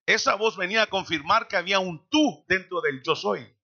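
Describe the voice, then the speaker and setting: A man preaching a sermon in a church, slowing down dramatically for quoted lines. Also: high-pitched, gravelly, bright, forceful tone, husky, dull audio. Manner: dramatic preaching with slow emphatic quotations. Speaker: pastor.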